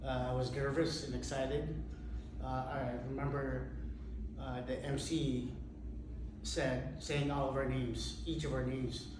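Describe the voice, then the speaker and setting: A man from India telling a personal story on stage, halting and self-mocking, with many fillers. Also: medium pitch, little pitch movement. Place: theater stage. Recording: echoey hall recorded from far off, with noise.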